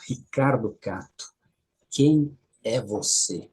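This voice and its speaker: A man's voice: mid-range voice, slow pace, a little mellow, slightly rough. A man hosting an interview for a magazine, asking welcoming, upbeat questions.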